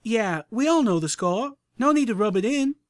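An earnest, down-to-earth young mare pony, pitched high and lively, as a male reader puts her on. She sounds reassuring, recorded in a dry, close setting. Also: normal speed, no echo.

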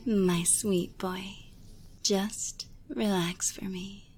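A woman whispering a slow, soothing hypnosis session, guiding breathing and counting. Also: medium pitch, fairly even intonation, a crowd in the background.

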